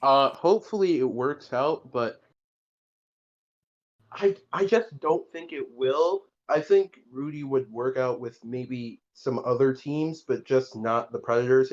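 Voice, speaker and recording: A man's voice: medium pitch, unhurried. Man giving short takes, dull mic. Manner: short, plain opinions. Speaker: panelist. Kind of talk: casual panel discussion.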